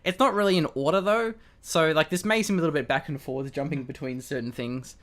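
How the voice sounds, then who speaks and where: A man's voice: fairly high pitch, brisk, a bit bright. A young man with an Australian accent, co-hosting a casual chat over a webcam, rambling with many restarts and fillers. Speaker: co-host.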